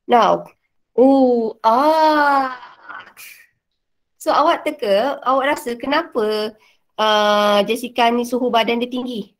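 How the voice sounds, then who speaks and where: Malaysian lady teacher doing a chatty revision class, bit high voice, lots of ums. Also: slow pace, pauses often. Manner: casual, mixes in English words, many fillers. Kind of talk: online revision lesson.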